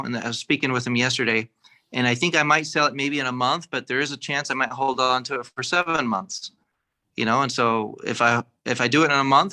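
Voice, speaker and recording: Very bright-toned man explaining deals. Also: mid-range voice. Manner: measured, many fillers and restarts. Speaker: team member of a tax deferral firm. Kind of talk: casual explanatory discussion.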